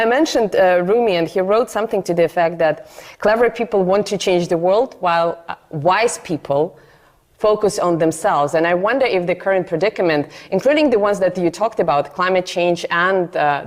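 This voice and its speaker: Low-voiced woman interviewer. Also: normal speed. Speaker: television interviewer. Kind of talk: reflective interview questioning.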